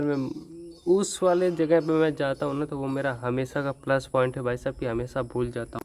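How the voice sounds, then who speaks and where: A man's voice: medium pitch, darkish tone, a little hiss or hum. A young man from northern India talking casually to camera in a vlog, rueful and self-mocking, often calling his viewers "brother". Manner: rueful, self-mocking, chatty, says "bhai sahab" often. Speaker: vlogger. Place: outdoors in farm fields, then at home.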